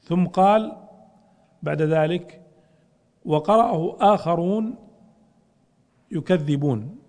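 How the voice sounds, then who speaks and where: رجل يشرح نصًا في درس، ويطرح أسئلة ثم يجيب عنها بنفسه. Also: male voice, a little high, a little mellow, long reverb tail. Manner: explains with questions he answers himself. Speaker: teacher explaining a classical text. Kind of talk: lecture.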